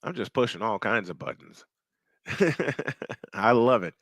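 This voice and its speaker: A man in his fifties calling a football game live play-by-play, slightly hoarse, reading viewer chat between plays and getting excited on big runs. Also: medium pitch, slow pace, no echo, clean studio sound. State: slightly hoarse, clearing throat. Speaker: play-by-play announcer.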